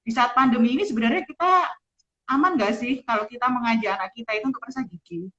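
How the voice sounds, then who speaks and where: A woman's voice: a little high, fast, fairly bright tone, lo-fi sound. A woman hosting a live-stream interview in a chatty, polite way, speaking through a face mask that slightly muffles her. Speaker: host, doctor. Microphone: speaking through a face mask on a live video call.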